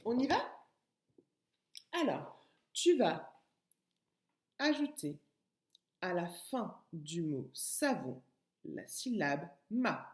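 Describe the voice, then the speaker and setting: Slow patient teacher lady talking to little kids, lowish voice, roomy echo. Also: big pitch swings, a little mellow. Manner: slow, patient, addresses child directly. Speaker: kindergarten teacher. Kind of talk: recorded remote lesson.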